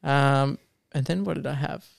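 A man's voice: mid-range voice, fairly even intonation, moderate pace, creaky, no room sound. Australian podcast host, young man, dry close mic, meandering casual chat. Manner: rambling, many ums.

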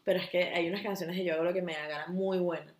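A woman's voice: fairly low pitch, steady tone, rapid-fire, reverberant. A young woman with a Venezuelan accent co-hosting a podcast, chatting playfully and laughing often. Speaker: podcast co-host. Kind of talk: casual chat.

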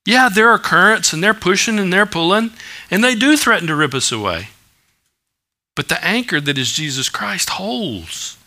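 A man's voice: high voice, very animated, normal speed, pushed and bright. A man preaching a sermon as a pastor, talking in a conversational, folksy way with homely stories and asides.

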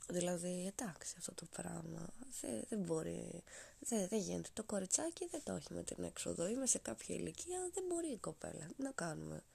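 A woman's voice: on the low side, animated, creaky, mellow, husky. A young woman hosting a podcast in a casual, rambling, sarcastic monologue that often drops to a whisper, her voice congested after a cold. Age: young adult. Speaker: podcast host.

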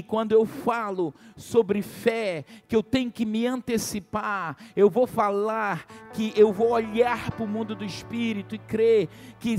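High-voiced male preacher. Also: darkish tone. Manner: dramatic storytelling, calls for amens, jokes with congregation. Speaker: pastor. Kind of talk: sermon.

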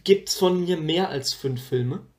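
A young man playing a guessing game, excitable and slangy, exclaiming a lot. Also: a little high, slow pace. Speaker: guessing player. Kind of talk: casual chat.

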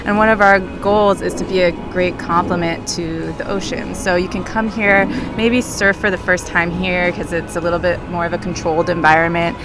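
A woman's voice: on the low side, level tone, moderate pace, hardly any pauses, music in the background. A woman speaking conversationally as a company representative in an interview.

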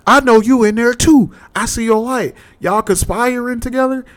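Shrill, accusing young woman, enraged, very high, as a man puts her on. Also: moderate pace. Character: furious young woman banging on a door, threatening.

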